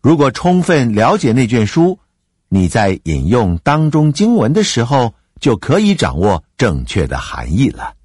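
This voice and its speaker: A man with a slightly husky voice teaches the Bible, his pitch leaping up and down as he stresses his points. The sound is dry and close, with no room around it. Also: darkish tone, dry recording. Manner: explanatory, emphatic, with occasional fillers and laughs.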